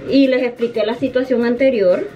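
A woman's voice: a little high, steady tone, normal speed, soft background music. Indignant woman vlogger, a bit distant. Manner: indignant storytelling, quoting others. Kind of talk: casual chat to camera. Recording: dull, slightly distant home recording.

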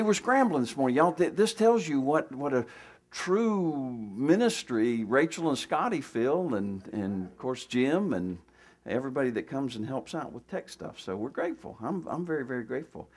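A man's voice: a little high, husky. A male pastor giving a folksy, conversational sermon in a church, full of restarts and asides. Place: church sanctuary.

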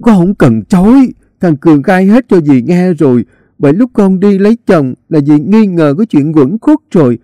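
A man voicing a brash, spiteful middle-aged woman who wails and accuses in a high, shrill voice. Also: animated, normal speed, dark tone, dry recording. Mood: wailing.

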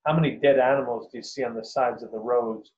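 A man's voice: mid-range voice, steady tone, quick pace, lightly acted. A man reading as an indignant woman camper. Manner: sharp, indignant. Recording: roomy, dull lo-fi recording.

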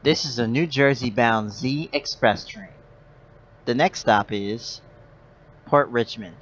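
A man giving recorded train announcements with a measured, even delivery, his words spliced together from separate clips. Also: mid-range voice. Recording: dull lo-fi clip with faint noise.

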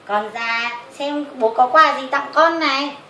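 A woman's voice: high-pitched, unhurried, pushed and bright, exaggerated voice. A woman voicing a proud, doting father bear with affectionate exclamations in a children's puppet story. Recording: roomy echo with clear background noise.

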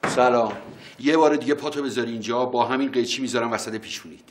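An actor playing a gruff middle-aged uncle in a TV comedy, blunt and threatening, then softly coaxing. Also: male voice, mid-range voice, steady tone, noisy background, lightly acted.

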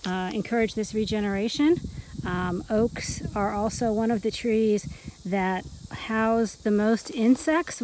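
A woman's voice: medium pitch, a little mellow, slight background noise. A woman, an extension forester and host, pointing out seedlings in a young forest outdoors in an informal way, close to the camera. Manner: informal, pointing out plants, asking questions. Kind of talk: outdoor field explanation.

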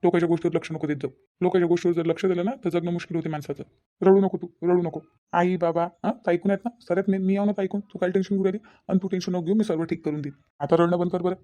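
Give me an actor voicing a reassuring cartoon father with a Vidarbha accent, warm and very fast. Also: medium pitch, steady tone, lo-fi sound, close to an everyday voice. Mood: soothing. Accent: Vidarbha Marathi. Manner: reassuring, repetitive. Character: kindly father figure, soothing and protective. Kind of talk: cartoon voice acting.

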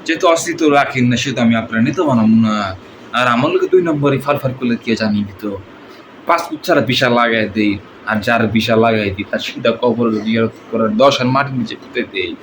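A man voicing a menacing, swaggering movie villain gang boss with a Bangladeshi accent and drawn-out threatening taunts. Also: medium pitch, natural voice. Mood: mocking menace. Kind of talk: film villain dialogue mimicry. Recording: noisy amateur recording.

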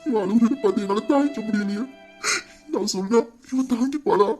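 Brief: someone playing an older fatherly man, doting and soothing, weighed by guilt, mid-pitched voice. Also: a little mellow, soft background music, close to an everyday voice. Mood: anguished. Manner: soothing, pleading, slowing into grief. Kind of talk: Tamil audio drama acting.

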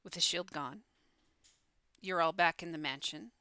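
A woman narrating as dungeon master of a tabletop game, measured and deliberate. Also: on the low side, bright, forceful tone, clear, resonant tone, dry recording.

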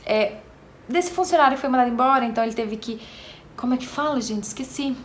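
A woman's voice: fairly high pitch, fast talker. A young Brazilian woman, a mother of twins, chatting casually to her vlog audience and searching for words as she goes. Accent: Brazilian Portuguese. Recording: home recording with background noise.

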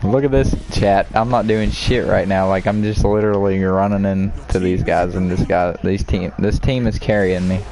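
A rowdy party-animal game streamer bantering and swearing casually, with a very animated delivery. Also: sits low, moderate pace, few pauses. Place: voice chat over game stream. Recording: noisy game sound behind.

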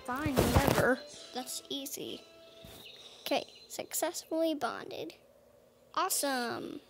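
Game music plays behind a child's high, slow voice as they host a gaming video. They chat casually and playfully in character, talking to themselves during role-play commentary.

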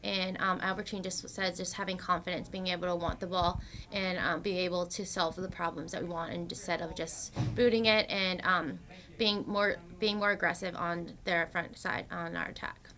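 Bright-toned young woman at a press table. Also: fairly low pitch, moderate pace. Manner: steady, filler-heavy answers with many "um"s. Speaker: soccer defender at a press conference. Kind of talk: post-match press answers. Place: press room in front of a sponsor backdrop.

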